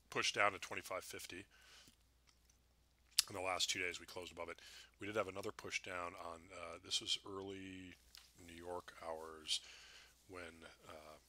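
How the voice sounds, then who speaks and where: A man's voice: low-pitched, bright, forceful tone. A man with the hiccups giving casual market commentary over charts, talking conversationally with many fillers and restarts. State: has the hiccups.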